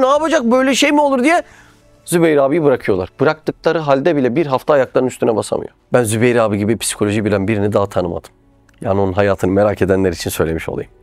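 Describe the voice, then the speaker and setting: A man's voice: sits high, no room sound. A man preaching a religious talk, telling stories with rhetorical questions and acting out the voices he quotes.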